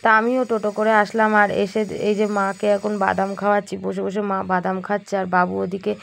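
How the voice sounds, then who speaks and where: A woman's voice: mid-range voice, fast, creaky. A woman narrating her day in a chatty, casual vlog. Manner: chatty storytelling, even-toned.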